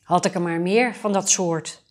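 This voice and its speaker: A woman's voice: fairly low pitch, normal speed, lightly acted. A woman voicing a bored male emperor in a storybook tale, speaking in a genial, approving tone. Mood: amused.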